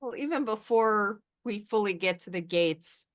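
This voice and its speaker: Slow-speaking woman player. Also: mid-range voice, animated. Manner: slow and deliberate. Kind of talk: describing her character's actions.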